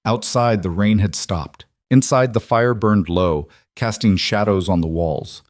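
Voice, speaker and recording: A man narrating a frontier romance story in a measured, even storytelling manner. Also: lowish voice, no echo, clean studio sound. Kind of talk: scripted narration.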